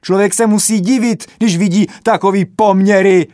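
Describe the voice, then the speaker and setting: A man's voice: mid-range voice, a little mellow, no echo, studio quality, natural voice. A man voicing a proud, hot-tempered male football fan with a red nose, ranting shrilly in a read-aloud comic story. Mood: furious.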